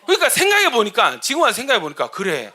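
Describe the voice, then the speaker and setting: A male pastor preaches with a high, bright voice that swings widely up and down. He tells humorous stories and keeps asking the congregation questions. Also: fast. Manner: animated, asks the congregation questions; humorous storytelling. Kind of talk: sermon.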